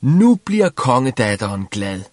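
A man voicing a cheerful, simple-minded young peasant who shouts merrily. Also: medium pitch, sing-song, no echo, studio quality, voice pushed up. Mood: exuberant.

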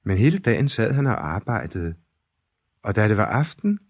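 A man reading a fairy tale aloud in an expressive storytelling manner. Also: fairly low pitch, no echo.

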